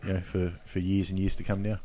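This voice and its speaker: Low voiced aussie guy, lots of ums, meanders through his point. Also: level tone, fast talker, warm tone. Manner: rambling, hesitant with many fillers. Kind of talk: casual chat.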